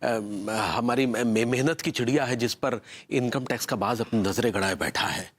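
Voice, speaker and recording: An actor playing a fussy, scheming middle-aged husband who stammers when flustered. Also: male voice, mid-range voice, normal speed, breathy edge, close to an everyday voice. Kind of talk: TV sitcom acting.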